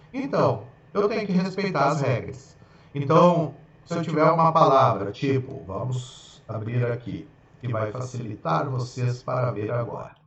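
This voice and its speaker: A man's voice: medium pitch, fairly bright tone. Teacher man in a very echoey room. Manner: explanatory, repeats "ok?" and "tá?" checks; spells out examples slowly, syllable by syllable. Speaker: Portuguese teacher. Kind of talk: grammar lesson for exam students. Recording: very echoey room, dull lo-fi sound.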